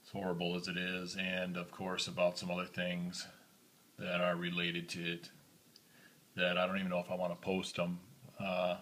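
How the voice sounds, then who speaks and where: A man with a monotone voice, talking casually through a knife review for his vlog, recorded on a phone camera. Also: low voice, normal speed. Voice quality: monotone, self-described.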